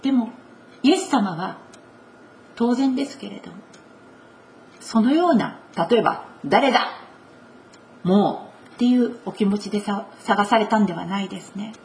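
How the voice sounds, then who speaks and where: A woman preaching a conversational sermon with a Kansai accent, voicing quoted lines with shifts in pitch. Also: lively intonation, moderate pace, pauses often, darkish tone. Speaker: pastor.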